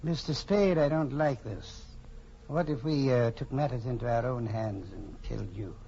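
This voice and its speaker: An actor playing a jovial, pompously polite but menacing crime boss in a 1940s radio drama. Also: male voice, medium pitch, moderate pace, creaky, warm tone, natural voice. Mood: shrewd, measured. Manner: florid, pompous politeness with chuckling. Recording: muffled, noisy 1940s radio broadcast.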